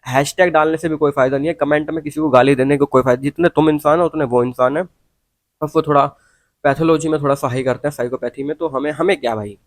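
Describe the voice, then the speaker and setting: A man's voice: on the high side, fairly even intonation, fast talker, dry recording. A young man ranting casually to camera, blunt and preachy, mixing in English phrases and slang. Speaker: vlogger. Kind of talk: casual opinion rant.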